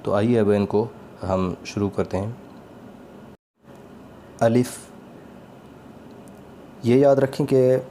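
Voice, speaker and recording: A man teaching Quran recitation in a calm, patient spoken lesson, sounding out each letter slowly and repeating it. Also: lowish voice, a little hiss or hum.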